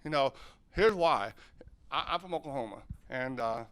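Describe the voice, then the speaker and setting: A man's voice: medium pitch, animated, normal speed, a bit bright, smooth. A man from southern Ohio who teaches sign language, giving a loose, self-correcting talk and questioning his audience.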